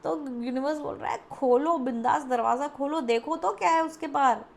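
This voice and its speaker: High-voiced chatty tarot reader woman. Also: moderate pace, vocal fry. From India. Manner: chatty, coaxing, acts out the listener's doubts. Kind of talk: pick-a-card tarot reading.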